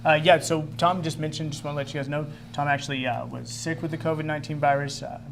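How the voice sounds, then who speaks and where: A man's voice: fairly high pitch, fairly even intonation, fast talker, creaky, noisy background. A man hosting a live ministry talk show in a chatty, easygoing way, joking with his crew. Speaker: host.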